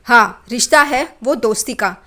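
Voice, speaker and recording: A woman's voice: fairly high pitch, lively intonation, unhurried, bright, forceful tone. A woman reading the lines of a loyal young woman who earnestly defends her friend.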